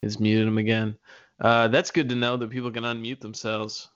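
A man's voice: on the low side, level tone, normal speed, fairly bright tone, clean tone, no room sound. A man chats on a casual online show, rambling and hesitant with the odd curse. His audio is dry and close, with a muffled lo-fi band.

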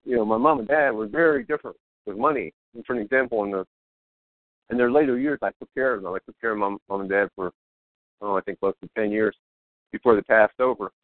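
A man's voice: on the low side, fast talker, no echo. Wired, rambling middle-aged man, muffled radio sound. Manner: wired, caffeinated-sounding, eager talker; rambling, repeats and restarts phrases. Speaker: self-help author, interview guest. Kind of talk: casual motivational talk.

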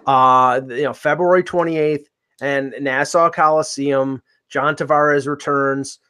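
A man's voice: fairly high pitch, steady tone, slow pace, bright, forceful tone, clean tone. A man hosting a casual sports podcast, talking in a rambling way with many restarts and fillers. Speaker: podcast host.

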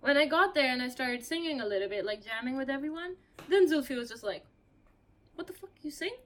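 Very high-voiced young woman chatting informally. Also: animated, fast, a bit bright. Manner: informal, acts out quoted dialogue. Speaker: podcast guest, musician. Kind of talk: casual chat, storytelling.

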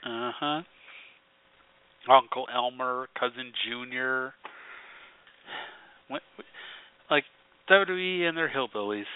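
A man's voice: mid-range voice, takes it slowly, pauses often, clean tone. Rambling man, tinny phone-line sound. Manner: rambling, heavy on "like" fillers. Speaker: podcast co-host. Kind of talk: casual chat.

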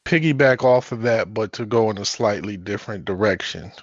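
A man leading a live Bible study, short of breath, speaking in a halting, deliberate way with frequent throat clearing. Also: dry recording. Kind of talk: religious teaching on a live call-in. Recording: muffled, dull low-fidelity audio.

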